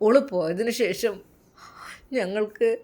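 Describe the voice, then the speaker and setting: Woman doing a young guy cleric, gentle and sad, soft pleading voice, malabar malayalam accent, storybook. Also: medium pitch, slow.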